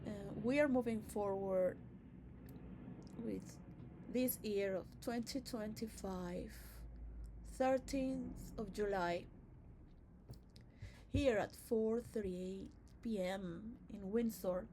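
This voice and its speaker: A Venezuelan woman whose first language is Spanish vlogs from her own setting, shown on camera, in a meandering, blunt monologue that swears freely. She speaks slowly with frequent pauses in a warm, mid-range voice, with slight background noise.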